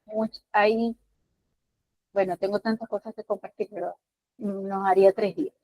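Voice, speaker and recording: A woman's voice: medium pitch, steady tone, measured pace, a little mellow, no room sound. A woman from Maracaibo with a Venezuelan accent, sharing a personal testimony in class in an earnest, hesitant way with many restarts. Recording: dull, muffled audio.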